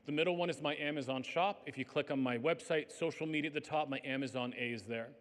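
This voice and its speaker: A man's voice: fairly high pitch, fast. A man giving an earnest, conversational faith-based talk to educators, his voice a little worn from days of speaking. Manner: conversational, earnest, numbered points. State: tired, slightly worn voice. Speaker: conference speaker. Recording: long hall reverb.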